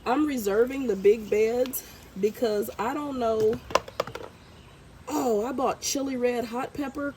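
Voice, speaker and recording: Slow and fairly high-voiced, a congested woman narrates a casual gardening vlog outdoors, talking chattily and thinking aloud while planting. Background noise mixes with birds and outdoor ambience.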